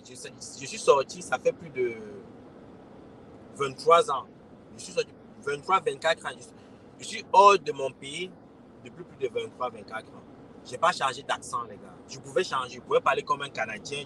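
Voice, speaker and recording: A man's voice: medium pitch, normal speed, pushed and bright, rough recording. A man in his forties from Cameroon with a Cameroonian French accent, casually talking to his followers, often checking in with "ok?" and repeating himself. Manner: repetitive, addresses listeners as "les gars", frequent "ok?". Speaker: crypto consultant and community host. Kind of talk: casual livestream talk to followers.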